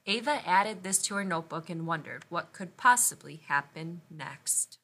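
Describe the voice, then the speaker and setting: Bright-voiced woman reading a picture book. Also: lowish voice, moderate pace. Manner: expressive, lively storytelling. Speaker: storybook reader. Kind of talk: picture-book read-aloud.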